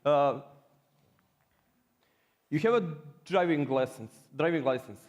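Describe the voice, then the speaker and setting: A Serbian-accented man speaks to a conference audience with a playful, joking manner. His voice sits a little high for a man. It rings with the long reverb of a large hall. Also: animated, takes it slowly, lo-fi sound. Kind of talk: humorous presentation.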